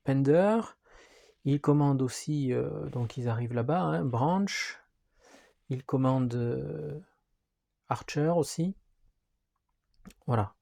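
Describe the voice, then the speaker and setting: A man's voice: medium pitch, slow pace, creaky, long pauses, mellow. A man walking through the rules of a wargame, talking hesitantly with frequent fillers as he handles the pieces. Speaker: board game presenter.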